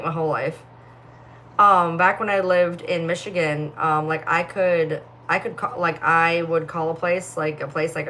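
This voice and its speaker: Low-pitched and fairly bright, this distinctive young woman's voice carries a little hiss or hum. She chats casually on a phone livestream, reading comments while sleepy and yawning, rambling along with lots of filler words.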